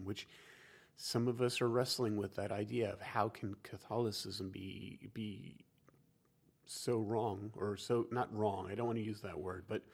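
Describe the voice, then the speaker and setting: A man's voice: mid-range voice, vocal fry. A man explaining church history in a casual conversational discussion, lecturing with frequent restarts.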